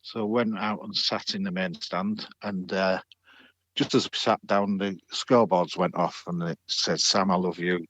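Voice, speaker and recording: A man's voice: sits low, steady tone, normal speed, fairly bright tone, no echo. A middle-aged man telling a personal story as a podcast guest, chatty and hesitant, with many fillers and restarts. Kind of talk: storytelling in a casual interview.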